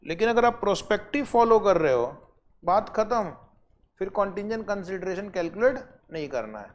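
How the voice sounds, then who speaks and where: A man from India giving an accounting exam revision lecture, explaining step by step, asking students rhetorical questions and slowing down to dictate definitions. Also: high voice, expressive.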